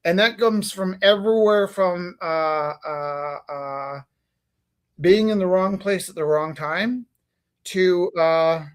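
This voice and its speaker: Speaking slowly in a high, clear and resonant voice that sits a bit above the usual male range, a Canadian teacher and stream host rambles through a long story. He talks as a teacher would with friends, peppering it with ums, false starts and an occasional offhand curse.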